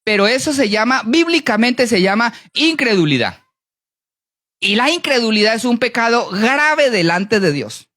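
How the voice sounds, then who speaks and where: A preacher giving a sermon, animated, often asking the congregation to answer yes or no. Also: normal speed. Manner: animated, with big swings in pitch and pace.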